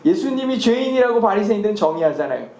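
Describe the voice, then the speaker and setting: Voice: medium pitch, big pitch swings, racing, dark tone, roomy sound. A pastor preaching a sermon and often asking the congregation rhetorical questions.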